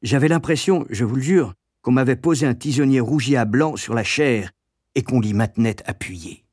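A man narrates a story at a measured pace, with a grave, even delivery. His voice sits in a middle range for a man. The recording is close and completely dry. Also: mid-range voice, husky, no room sound. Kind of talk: scripted audiobook narration.

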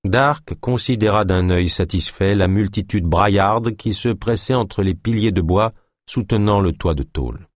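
A man reading an audiobook aloud, in measured, even-paced narration. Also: lowish voice, no echo, clean studio sound.

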